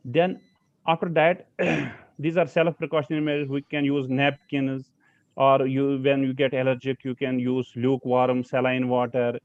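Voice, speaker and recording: Halting man lecturing over a video call. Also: medium pitch, level tone, dry recording. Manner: halting, many fillers and restarts. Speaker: lecturer on pollen allergy. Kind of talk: online slide lecture. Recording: slightly dull video call audio.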